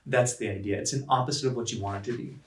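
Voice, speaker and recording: A man in his forties delivers a math lecture at a whiteboard, animated and emphatic. He acts out the questions students might ask as he explains. His voice carries through a roomy classroom and sounds set back from the mic. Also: medium pitch, rapid-fire. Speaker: math professor. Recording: roomy classroom with some distance.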